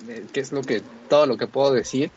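A man's voice: medium pitch, fast, darkish tone, muffled recording, slight background noise. A man reviewing a film in casual chat, rambling with many fillers and restarts.

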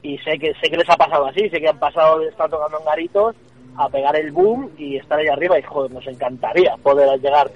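A man from a band, a songwriter, answering radio interview questions in a relaxed, slangy way. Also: a little high, fast. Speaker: band member, guitarist-songwriter. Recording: slightly dull radio sound.

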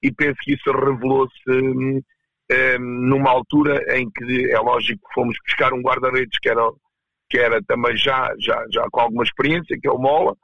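A man with a European Portuguese accent answering as a coach in a casual interview, halting and repeating words as he goes. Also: medium pitch, level tone, vocal fry, no room sound, highs cut off. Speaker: roller hockey coach, interview guest.

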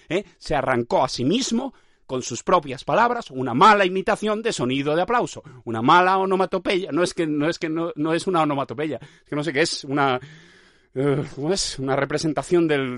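A man's voice: on the high side, fairly bright tone, no echo, studio quality. A man from hosting a podcast, rambling in a mock-pompous, vehement monologue full of "¿eh?" tags. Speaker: podcast host.

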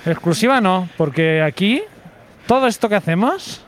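Teasing co-host, slightly higher male voice, faint street sound, casual walk-and-talk. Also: expressive, moderate pace, slight background noise. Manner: joking, teasing banter. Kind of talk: casual chat while walking. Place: outdoors in a hot city square.

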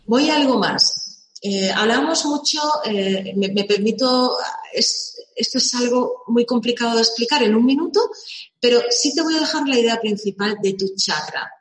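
A woman's voice: fairly high pitch, normal speed. A woman giving a motivational live talk, asking rhetorical questions and repeating words for emphasis. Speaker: live session speaker on visibility. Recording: roomy echo.

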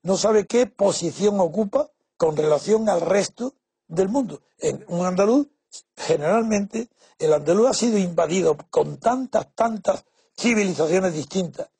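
A man speaking in a high, gravelly voice that is extremely husky and rough. He explains his opinions in a measured, reflective way, stopping often on hesitant fillers and restarting sentences. The sound is dry and close, with little room around it. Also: lively intonation, mellow, dry recording. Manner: measured, pausing with frequent "eh" and restarts. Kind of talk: reflective spoken essay.

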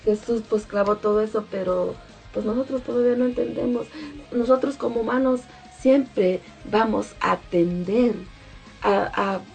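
A woman's voice: on the high side, a little slow, vocal fry, darkish tone, faint music behind. A mother in a casual devotional talk, speaking emphatically and repeating key phrases.

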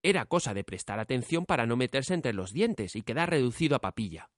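Male storyteller reading a fairy tale, lively pitch, dry close sound. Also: brisk, no echo. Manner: expressive.

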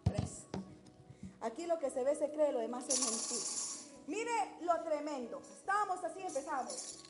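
A woman preaching to her congregation in an animated way, breaking into war cries and sounding out drum beats. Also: high-pitched, normal speed, over loud music. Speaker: preacher teaching tambourine and worship dance. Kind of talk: lively sermon to a congregation.

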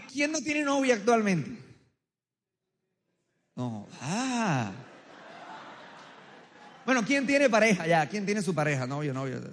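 A married male pastor with a loud, strong voice, preaching a humorous sermon, telling stories and quizzing the crowd. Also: high-pitched. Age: adult, married. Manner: joking, storytelling, quizzing the crowd. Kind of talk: humorous sermon with audience interaction. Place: large church hall with tiered seating. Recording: long reverb of a big hall.

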